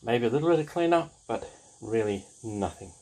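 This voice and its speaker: A man's voice: medium pitch, animated, normal speed, creaky, a little mellow, low-quality recording. A man casually reviewing a plastic model kit as he shows the parts, enthusiastic and repeating his praise, with fillers.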